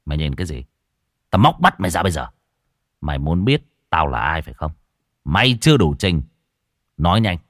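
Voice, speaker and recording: A man's voice: rumbling low, very animated, fairly bright tone, no room sound, pitched below the performer's own voice, heavily acted. Cast a man doing a swaggering street-tough ghost hunter in an audio horror story, dry close sound. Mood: menacing. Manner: taunting, gruff, fast. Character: brash young male exorcist, cocky and rough.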